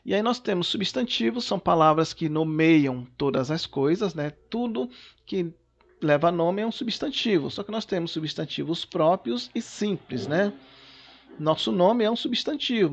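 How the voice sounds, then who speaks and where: A male teacher recording a lesson at home, patiently explaining worksheet questions and often checking in with "né" and "tá". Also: high-pitched. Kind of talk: recorded remote class lesson.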